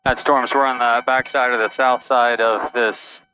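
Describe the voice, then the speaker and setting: Bright-voiced male pilot on a cockpit intercom. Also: mid-range voice, little pitch movement, normal speed. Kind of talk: casual in-flight narration. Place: small airplane cockpit in flight. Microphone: aviation headset. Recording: dull, noisy aircraft cockpit intercom. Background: engine noise, radio.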